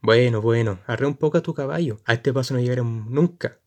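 A man's voice: medium pitch, quick pace, close to an everyday voice. A man voicing a mocking, bossy young hunchback in a storybook reading. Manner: loud, taunting, bossy.

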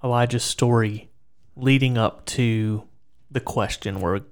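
A man with a medium-pitched voice co-hosts a relaxed conversation about scripture. He is chatty and affirming, quick to agree and add his own point. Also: clear, resonant tone. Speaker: co-host.

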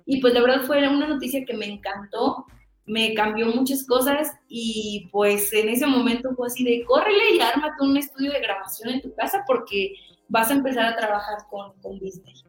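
Mexican woman telling stories in an interview, chatty and animated, roomy echo. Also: on the high side, moderate pace. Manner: chatty, animated, acts out quoted dialogue. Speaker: guest voice actress. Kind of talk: casual interview storytelling.

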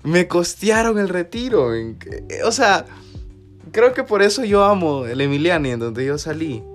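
A young man tells a story for his podcast in a relaxed, casual way. His voice sits a little high, and he often leaps into exaggerated, mocking tones. Faint music plays underneath him. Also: moderate pace. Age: young adult. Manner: animated, jumps into mocking high voices and slang. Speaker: podcast host.

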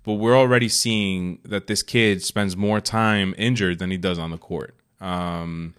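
A man's voice: low voice, steady tone, unhurried, fairly bright tone, clear, resonant tone. A man co-hosting a podcast, giving blunt, opinionated takes in casual sports chat and swearing freely. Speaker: podcast co-host.

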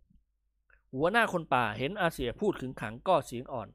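A woman narrating an audiobook story in a steady reading manner. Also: very deep voice, fast, no room sound, clean studio sound.

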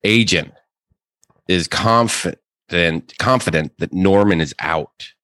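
Deep-voiced man chatting golf news. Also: takes it slowly, a bit bright, no echo, clean studio sound. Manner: conversational, reads out news items with asides. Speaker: podcast co-host. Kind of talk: casual golf news chat.

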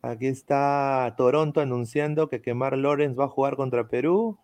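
A man on a sports talk show, relaxed as he walks through photos and player news. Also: mid-range voice, normal speed, crowd noise. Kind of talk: casual studio chat.

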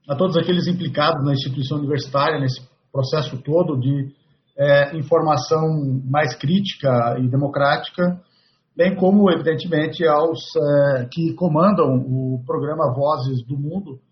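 A man from Brazil, a guest speaking formally and steadily, often pausing on "eh". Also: a little high, lo-fi sound. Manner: measured, with frequent "eh" fillers. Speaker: guest, president of an organization.

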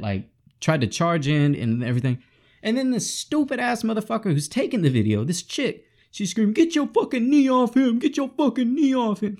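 A man's voice: on the high side, a little mellow. A frustrated man ranting with heavy profanity to his audience in a casual vlog. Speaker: vlogger. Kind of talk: profane angry rant.

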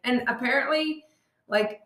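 A woman's voice: sits high, a bit bright. Wisecracking woman in an echoey room. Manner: quick reactive quips and jokes. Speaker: podcast co-host. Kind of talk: casual chat.

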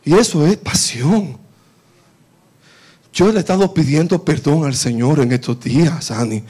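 A man preaching a sermon with passion, repeating words and rising from quiet reading to shouts. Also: on the high side, unhurried, husky. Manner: impassioned, repeats words, swings from soft to shouting.

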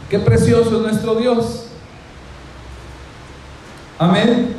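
A male pastor preaches a fervent sermon, often calling out amen, addressing the congregation directly, telling them to speak to the person beside them and having them repeat phrases. His voice is extremely high-pitched with little pitch movement, extremely slow and a little mellow. The very echoey room has faint ambience and a little hiss or hum.

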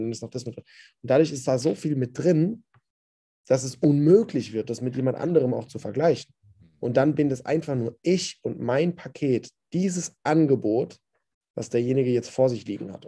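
A man's voice: medium pitch, dark tone. A man who works as a business coach, talking casually in a podcast chat in a blunt, emphatic and colloquial way.

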